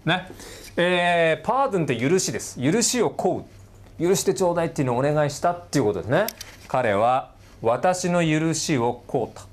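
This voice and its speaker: A middle-aged man giving a casual recorded lecture as a teacher, often checking in with the student and slowly sounding words out again and again. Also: a little high, expressive. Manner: sounds words out slowly, stretching and repeating them. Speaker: English teacher.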